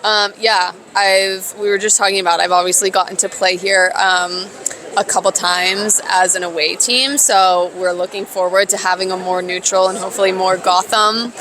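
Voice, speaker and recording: Female veteran soccer player, bright voice, relaxed, lots of ums. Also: medium pitch, a little hiss or hum. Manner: relaxed, many fillers. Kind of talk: media day interview answers. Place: outdoors at a media day.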